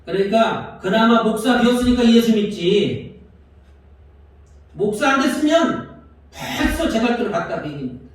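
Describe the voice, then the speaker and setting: A man's voice: high-pitched, animated, normal speed, long pauses, heavy reverb, distant mic, poor audio. A male pastor preaching a sermon in a church, putting questions to the congregation and acting out prayers as he goes. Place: church sanctuary.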